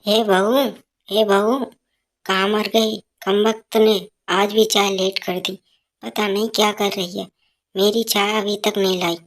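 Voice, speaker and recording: A woman's voice: mid-range voice, little pitch movement, slow. A woman voicing a harsh, scolding old mother-in-law in a cartoon story, with nagging taunts.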